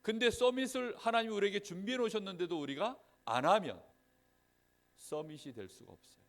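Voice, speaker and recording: A man preaches to a Sunday school class of children in a voice set somewhat high, swinging widely up and down as he talks. He keeps asking the children questions and checking that they follow, and he acts out little scenes as he tells them. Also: animated, brisk, gravelly. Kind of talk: children's sermon.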